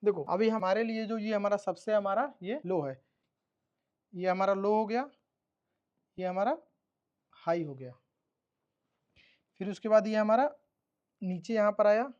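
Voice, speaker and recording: A man's voice: sits high, measured pace, pauses often, a little mellow, clear, resonant tone, highs cut off. A man teaching a trading course, walking through a chart step by step, repeating terms and checking that listeners follow. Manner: repetitive teacherly explaining, checks understanding. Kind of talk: explaining a chart in a recorded lesson.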